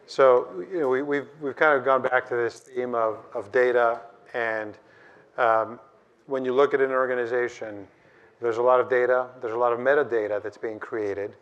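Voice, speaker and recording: A man's voice: mid-range voice, steady tone, normal speed, clear, resonant tone. A man moderating a conference panel, asking long rambling questions with frequent restarts. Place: conference stage. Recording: dull lo-fi sound.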